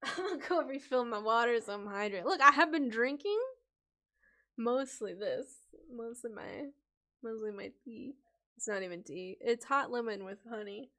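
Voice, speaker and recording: A woman's voice: a little high, animated, normal speed. Chatty woman with a tired voice. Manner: chatty, laughs often between readings; softer, less forceful delivery to rest the voice. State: voice getting tired. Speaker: storytelling streamer. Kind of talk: live-stream reading of character backstories.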